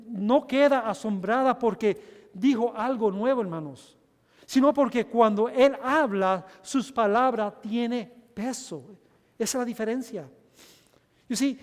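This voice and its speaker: A man's voice: high voice, darkish tone. A male pastor preaching a bilingual sermon, giving each point in Spanish and then in English and calling the congregation brothers. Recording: long hall reverb.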